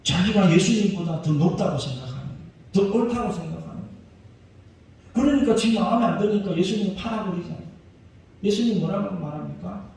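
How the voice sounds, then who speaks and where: A man's voice: high-pitched, lively intonation, a little fast, gravelly, a little mellow. A male pastor preaching a sermon, pressing the congregation with rhetorical questions. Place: church sanctuary. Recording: very echoey church hall, voice far from mic.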